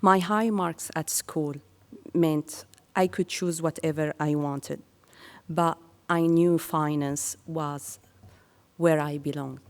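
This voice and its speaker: A woman from Syria giving a prepared speech to an audience in measured, earnest phrases. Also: low voice, big-room sound. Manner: slow and measured, with earnest pauses. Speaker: speaker sharing her career story.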